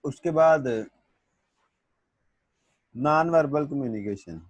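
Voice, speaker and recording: A male teacher giving a classroom lecture. He reads English definitions slowly, explains them in Hindi-Urdu, calls his students "beta" and checks whether they understood. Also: a little high, lively intonation, husky, no room sound, muffled recording.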